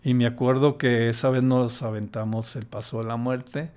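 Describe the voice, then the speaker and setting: Older man telling a story haltingly. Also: mid-range voice, fairly even intonation, darkish tone, clear, resonant tone. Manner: hesitant, halting, with many restarts. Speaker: podcast guest. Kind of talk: personal storytelling.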